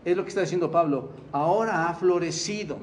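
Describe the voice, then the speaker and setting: Mexican pastor guy preaching, kinda high voice, keeps asking the church questions, bit of faint noise behind. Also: a little fast. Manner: questions the congregation, repeats words for emphasis. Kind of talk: sermon.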